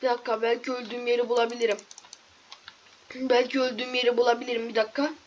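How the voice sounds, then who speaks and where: A woman giving lively Minecraft gameplay commentary, yelping and pleading at monsters between quieter muttered asides. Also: racing, highs cut off, a little hiss or hum. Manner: excitable, pleading and yelping at mobs, then muttering low. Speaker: gaming YouTuber.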